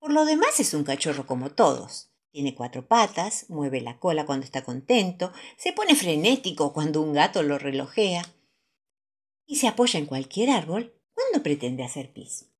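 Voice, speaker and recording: A woman with a Rioplatense accent reading children's stories aloud in an expressive, sing-song way. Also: deep voice, normal speed. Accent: Rioplatense Spanish. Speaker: storyteller.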